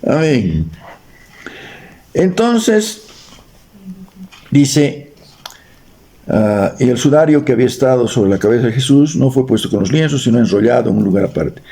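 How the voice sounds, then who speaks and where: This man preaches in a church with a Bolivian Spanish accent, reading scripture aloud, cracking jokes and quizzing the congregation. His voice sits mid-range with a dark tone and lively intonation. He speaks unhurriedly and pauses often.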